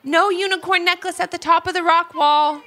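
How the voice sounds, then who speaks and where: A woman's voice: high-pitched, huge pitch swings, moderate pace, creaky, bright, forceful tone, pitched above the performer's own voice, exaggerated voice. A woman voicing a curious, adventurous young boy who calls out eagerly.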